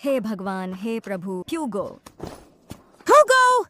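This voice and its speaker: A woman's voice: mid-range voice, unhurried, slight background noise, natural voice. A woman voicing a determined, protective teenage girl in a game dub, urgent and emotional. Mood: desperate urgent. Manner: urgent, emotional, often shouting.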